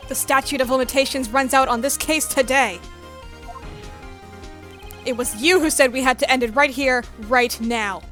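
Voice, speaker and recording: Earnest young defense lawyer in a game read-along, read by a woman streamer; high, bright. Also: normal speed, pauses often, faint music behind. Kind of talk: reading game dialogue aloud.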